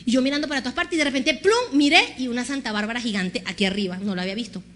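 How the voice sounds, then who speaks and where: A woman pastor preaching an animated sermon, acting out conversations and having the congregation repeat after her. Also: a little high, very fast. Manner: animated storytelling, acts out dialogue with God.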